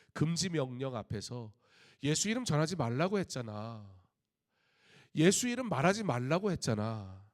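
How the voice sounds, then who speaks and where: Earnest middle-aged Korean pastor preaching. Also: male voice, mid-range voice, a little mellow. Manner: earnest preaching with rhetorical questions and personal stories. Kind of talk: sermon at a Friday prayer meeting.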